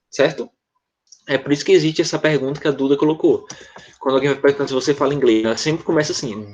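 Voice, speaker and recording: A Brazilian Portuguese-speaking man teaches a video class in a fairly high voice, patient and methodical, checking in with students over and over. The sound is dull and lo-fi, like a computer mic on a call. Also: a little mellow, slightly rough. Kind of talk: online English lesson explained in Portuguese.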